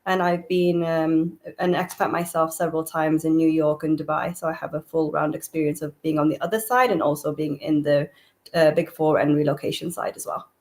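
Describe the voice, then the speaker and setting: Upbeat low-voiced woman panelist. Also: fairly even intonation, brisk, darkish tone. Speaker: client success manager, guest. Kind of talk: panel introduction.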